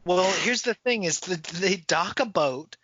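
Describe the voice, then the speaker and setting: A man's voice: high-pitched, unhurried, lo-fi sound, slight background noise. A man guesting on a casual film podcast, swearing freely and acting out scenes with voiced sound effects. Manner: profane, animated storytelling with voiced sound effects. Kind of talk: casual chat about a film.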